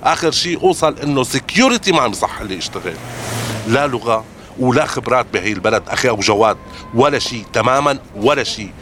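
A man's voice: mid-range voice, lively intonation, fast talker, noisy background, natural voice. A middle-aged man with a Levantine Arabic accent playing a weary displaced father and former lawyer, hesitant and apologetic.

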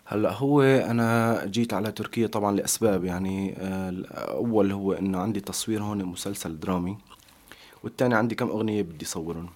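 A man's voice: on the low side, fairly even intonation, quick pace, darkish tone. A man with a Syrian Aleppine Arabic accent, speaking as a guest in conversational interview answers. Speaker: guest singer and actor.

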